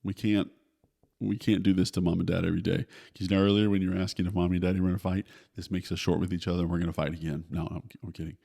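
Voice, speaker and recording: A man's voice: deep voice, little pitch movement, rapid-fire, vocal fry, dark tone. A middle-aged man hosting a podcast, giving candid, down-to-earth parenting advice in a casual way. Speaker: podcast host.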